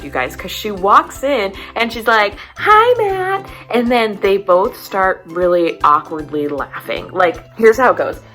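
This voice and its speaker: A young woman in a casual recap chat, talking fast and exasperated as she acts out scenes for her viewers. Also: mid-range voice, pushed and bright. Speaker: vlog host.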